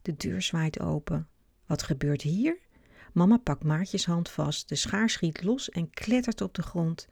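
A woman reading a children's book aloud with clear, expressive narration. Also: fairly low pitch, unhurried, dry recording, studio quality. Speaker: storyteller.

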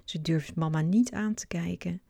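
A woman reading a children's book aloud with clear, expressive narration. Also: on the low side, normal speed, no room sound, clean studio sound. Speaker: storyteller.

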